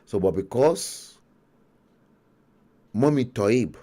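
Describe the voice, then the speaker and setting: A middle-aged Nigerian man with a Nigerian accent, telling a story in an emphatic livestream monologue with dramatic pauses. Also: mid-range voice, animated, warm tone. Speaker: talk show host.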